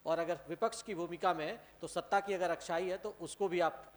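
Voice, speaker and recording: High-voiced polite male TV host. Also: steady tone, brisk. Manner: polite, formal, echoes the guest's words. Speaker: TV interview host. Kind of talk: studio TV interview. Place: TV studio.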